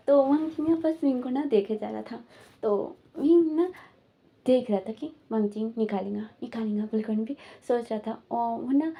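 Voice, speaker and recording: A woman's voice: on the high side, highs cut off. A woman casually retelling a romantic fan fiction, rambling along with many repeated fillers. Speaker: storyteller.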